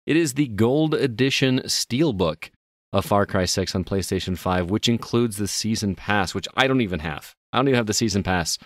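A man's voice: lowish voice, animated, normal speed, no echo, studio quality. A man hosting a gaming podcast, chatting casually and upbeat, laughing easily. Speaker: podcast host.

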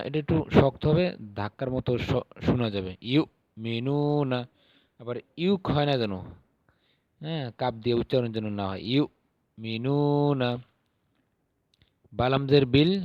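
A middle-aged man gives a patient Quran reading lesson, spelling syllables one by one and then stretching the recited words out slowly. His voice sits at an ordinary male pitch. The recording is dry and close, with no room sound. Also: dry recording, lo-fi sound. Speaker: Quran teacher.

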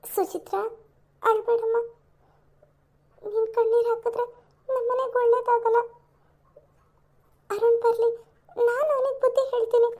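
Sweet cartoon mother-in-law, a woman doing her, gentle and comforting, high voice. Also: little pitch movement, measured pace, pauses often. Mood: soothing. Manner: soothing, motherly. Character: kindly older mother-in-law.

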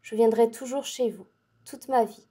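A gentle young monk, grave and soft-spoken, his words calm and held back, as a woman reads him in a lowered voice. The tone is mellow and warm. This is a dramatic audiobook reading. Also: moderate pace, husky. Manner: quiet, calm, restrained.

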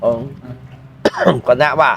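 A man's voice: slow pace, sharp tone, slight background noise. A man with a Northern Thai accent hosting a casual vlog, exclaiming and echoing what he hears. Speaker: vlog host. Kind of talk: casual chat.

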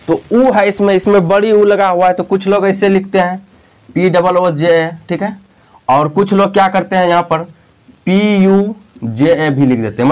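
A man's voice: sits high, a little mellow. A male teacher explaining a lesson patiently, often checking in with the listener and repeating key points. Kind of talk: spoken lesson.

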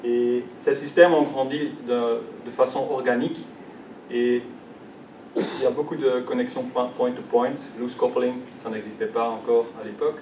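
A young man with a Belgian French accent, speaking French that isn't his first language, gives a conference presentation full of fillers and restarts. His mid-range voice has a darkish tone, fairly even intonation, and a moderate pace. The large conference hall is echoey, the mic distant, with slight background noise.

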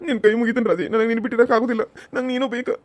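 A woman's voice: fairly high pitch, racing, no room sound, lightly acted. A woman doing a meek young farmer man. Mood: pleading. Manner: pleading, helpless. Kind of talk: cartoon voice acting.

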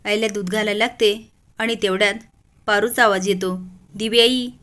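A woman's voice: mid-range voice, flat delivery, brisk, fairly bright tone. A woman narrating an episode recap of a TV serial, telling the story scene by scene.

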